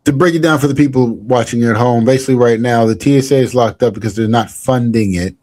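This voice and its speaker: A man hosting a comedy podcast chats casually, rambling and joking and restarting a lot. His mid-range voice is a little mellow, and he talks fast.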